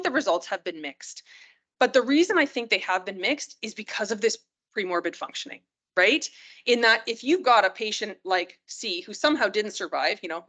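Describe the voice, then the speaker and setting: A woman's voice: medium pitch, a bit bright. A woman critical care physician giving a hospital rounds lecture in a conversational way, often checking in with her listeners. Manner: many fillers and restarts.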